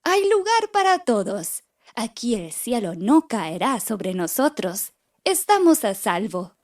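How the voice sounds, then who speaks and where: A woman voicing a sly, scheming male fox in a storybook with a smooth, coaxing manner. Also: a little high, big pitch swings, slow pace, a little mellow. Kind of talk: storybook character voice.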